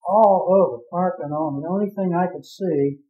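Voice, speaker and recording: A man's voice: high-pitched, a little fast. A man who captained a drilling ship, telling a vivid, rambling story in an oral history interview. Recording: tinny phone-like audio.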